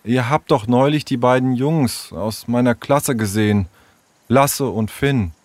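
A man's voice: mid-range voice, a little slow, darkish tone, dry recording, close to an everyday voice. A man voicing a hurt, shy young boy who mumbles hesitantly and sounds dejected.

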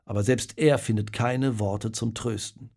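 A man reading a children's story aloud, dramatic and lively in his storytelling. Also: lowish voice, measured pace, gravelly. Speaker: narrator. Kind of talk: storybook narration.

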